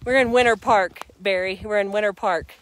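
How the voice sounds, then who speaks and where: A middle-aged woman streaming live from a mountain hike on her phone, tired from the climb, greeting viewers by name with excited chatter and frequent laughter. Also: mid-range voice, moderate pace. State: tired from hiking. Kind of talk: casual live-stream chat. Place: outdoors on a mountainside. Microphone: phone held at arm's length.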